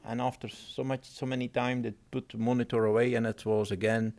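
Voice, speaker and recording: A man with an other than giving a technical presentation at a conference. He pauses, repeats words and phrases things in his own way. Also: medium pitch, flat delivery, a little mellow. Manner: halting, repeats words, non-native phrasing. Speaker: conference speaker.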